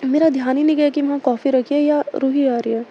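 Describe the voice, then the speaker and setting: A woman voicing a busy young woman who is apologetic and hesitant, speaking quietly and faltering over her words. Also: sits high, steady tone, quick pace, lightly acted. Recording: dull lo-fi recording, faint hiss.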